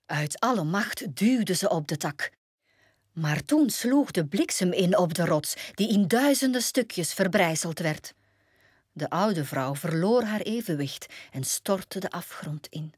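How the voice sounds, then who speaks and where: A woman with a Flemish accent reading a fairy tale aloud to children, telling the story in an expressive, dramatic way. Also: fairly low pitch, measured pace, breathy edge, no room sound, studio quality.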